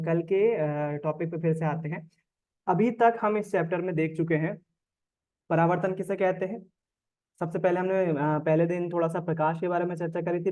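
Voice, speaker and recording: Male teacher, lively online lecture, lo-fi. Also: on the high side. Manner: conversational, repeats "है ना?" checks with students.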